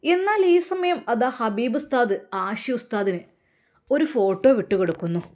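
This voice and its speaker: A woman's voice: on the high side, big pitch swings, moderate pace, darkish tone. A woman narrating a dramatic story in an emotive way.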